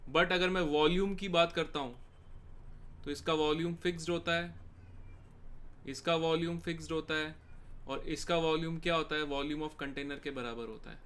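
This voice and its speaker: A young Indian man with an Indian accent teaches a live online chemistry class in a loud, forceful voice. His tone is slightly high and bright. He chats casually with viewers between points. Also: steady tone, normal speed, clear, resonant tone. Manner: chatty and informal, greeting chat viewers while teaching. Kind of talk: live online exam-prep lecture.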